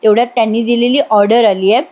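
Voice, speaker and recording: A woman with a Marathi accent narrating a TV episode recap as a voice-over. Her voice is high and chatty, and she speaks directly to her viewers. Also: steady tone, fast, a little mellow. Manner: chatty, addresses the audience directly. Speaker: TV serial reviewer.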